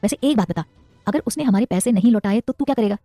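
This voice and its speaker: A woman's voice: fairly high pitch, lively intonation, quick pace, warm tone, no room sound, faint music behind. A woman voicing a playful young man who teases his friend. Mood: teasing. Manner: teasing, playful. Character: joking young man, loyal teasing friend.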